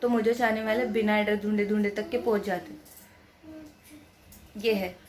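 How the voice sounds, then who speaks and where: A woman's voice: mid-range voice, fairly even intonation, normal speed, darkish tone, a little hiss or hum. A young woman vlogging from home, chatty and emphatic, repeating her points. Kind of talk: casual to-camera vlog talk.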